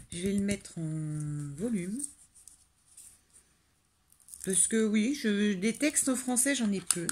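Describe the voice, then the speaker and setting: A woman's voice: lowish voice, darkish tone. French lady doing a craft tutorial, chatty, lots of euh, laughs at herself. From France. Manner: chatty, rambling, self-deprecating, many fillers. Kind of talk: casual talk-through while making a card.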